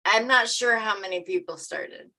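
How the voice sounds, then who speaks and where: Bright-voiced chatty woman co-host. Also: mid-range voice, lively intonation, moderate pace, poor audio. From Maryland, USA. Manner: laughs often, chatty with restarts. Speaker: co-host of a live stream. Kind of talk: casual live-stream chat.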